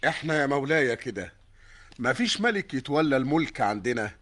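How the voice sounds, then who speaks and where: A man's voice: mid-range voice, very animated, brisk, a bit bright. A man playing a deferential courtier who follows custom without question, in theatrical radio drama style with an Egyptian accent.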